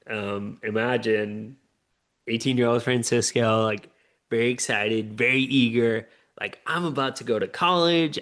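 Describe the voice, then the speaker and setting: A man's voice: medium pitch, vocal fry. A man, an earnest, upbeat interview guest who often checks in with "right?". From Puerto Rico. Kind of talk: conversational interview.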